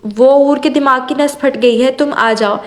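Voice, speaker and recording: A woman voicing a young woman breaking down in grief, halting and slow. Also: sits high, natural voice. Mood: grieving.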